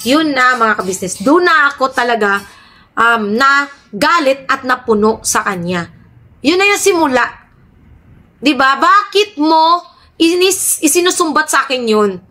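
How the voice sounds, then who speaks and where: A woman vlogger with a high, bright voice rants to her followers in heated commentary. She sounds indignant and keeps asking her audience to back her up. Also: animated, unhurried, long pauses. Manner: ranting, indignant, repeatedly asks "di ba?". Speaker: vlogger addressing her viewers.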